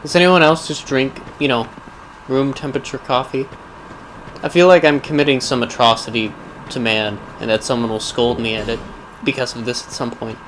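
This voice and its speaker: Over a clearly noisy background, a gaming video host offers loose, wandering commentary on his play, wryly thinking aloud. He speaks at a medium pitch and moderate pace, in a steady, slightly bright tone.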